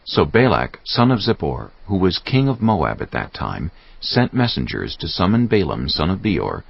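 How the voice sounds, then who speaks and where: An extremely deep, gravelly male voice narrates scripture in a scripted, dramatized style at a moderate pace, his pitch swinging widely. Soft music plays beneath the slightly dull audio, which has no echo.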